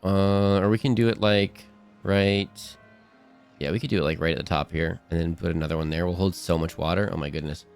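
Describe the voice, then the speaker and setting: A man's voice: low voice, fairly even intonation, fairly quick, creaky, smooth, faint music behind. A man casually chatting while streaming a game, upbeat and talkative, reading chat aloud.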